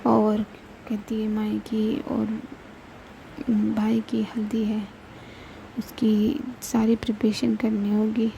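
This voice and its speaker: A woman tells a romantic story aloud in a steady, unhurried way. Her voice is dark and mellow with a gravelly rasp, and her pitch hardly moves. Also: a little hiss or hum, rough recording. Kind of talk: read-aloud story narration.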